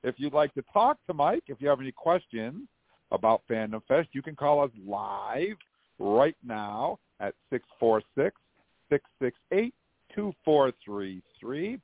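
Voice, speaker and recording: A man's voice: medium pitch, sing-song, a little slow, dry recording. An American man hosting a live call-in fan podcast with a folksy showman's way of presenting. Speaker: podcast host. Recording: dry, narrow phone-like podcast audio.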